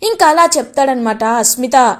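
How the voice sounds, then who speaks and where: A woman's voice: high-pitched, normal speed. A woman casually retelling a TV serial episode, switching into the characters' lines as she goes. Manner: animated, jumps into voicing each character's lines. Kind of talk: casual storytelling recap with acted dialogue.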